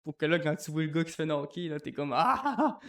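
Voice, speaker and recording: A man with a Quebec French accent co-hosting a podcast, telling stories in animated casual chat, swearing and laughing often. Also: on the high side, fast. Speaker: podcast co-host.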